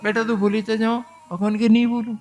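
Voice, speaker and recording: A man's voice: high voice, little pitch movement, fast talker, darkish tone, faint music behind, lightly acted. A man doing a weeping, remorseful mother. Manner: sobbing, apologetic.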